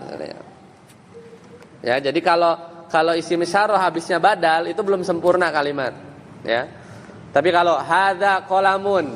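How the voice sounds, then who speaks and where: A male religious teacher giving a classroom lesson, quizzing students on grammar with quick questions. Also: on the high side, big-room sound, a little hiss or hum, rough recording. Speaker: Islamic teacher.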